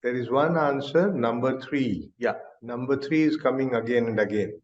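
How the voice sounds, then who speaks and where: A man's voice: medium pitch, moderate pace, highs cut off. Man leading teacher training. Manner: questioning, mixes Hindi into English. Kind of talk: online teacher-training session. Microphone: video call.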